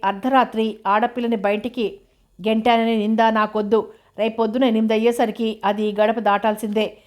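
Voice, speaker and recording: A woman's voice: fairly high pitch, natural voice. A woman voicing a harsh, domineering middle-aged aunt who scolds and sneers, in a novel reading. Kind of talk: audiobook character reading.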